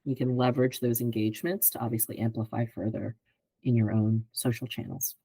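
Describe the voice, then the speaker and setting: A woman in her fifties, a guest on a podcast, explaining her work in a measured way and often checking in with "right?". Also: rumbling low, little pitch movement, dark tone, slightly rough, no echo, low-quality recording. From greater Philadelphia area. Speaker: advertising executive guest. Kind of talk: podcast interview answers.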